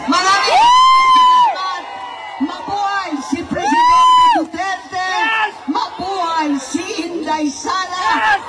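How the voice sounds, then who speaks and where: Man shouting a slow rally speech. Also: very high voice, very noisy. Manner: shouting slow chant-like slogans. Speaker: rally speaker. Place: outdoor rally. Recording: distant mic, loud crowd.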